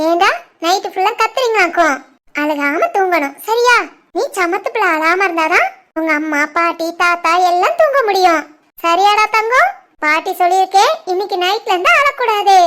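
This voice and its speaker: A woman doing a sharp-tongued cartoon grandmother. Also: expressive, slight background noise. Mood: fond. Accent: southern Tamil, Tirunelveli. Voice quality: high, bright cartoonish voice. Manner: bossy, playful, quick retorts. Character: teasing middle-aged grandmother, sharp-tongued mother-in-law.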